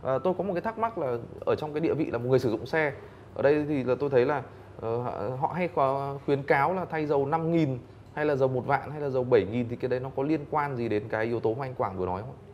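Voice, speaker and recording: A male host moderates a studio panel at a very quick clip, his voice slightly dull and muffled, with faint hum underneath. He asks his questions politely. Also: medium pitch. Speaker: talk show host. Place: indoor TV studio set.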